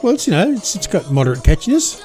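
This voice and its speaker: A middle-aged man with an Australian accent chatting casually as a podcast co-host, joking drily in a halting way. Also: high-pitched, very animated, music in the background. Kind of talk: casual comic banter about music videos.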